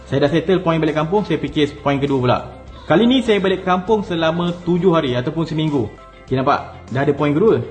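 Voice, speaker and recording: A man with a Malaysian Malay accent talks through on-camera tips in a casual, step-by-step way. His voice sits a little high for a man. Soft music plays faintly underneath. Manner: easygoing, explains step by step with spoken demonstrations. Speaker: content creation coach. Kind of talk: casual instructional talk to camera.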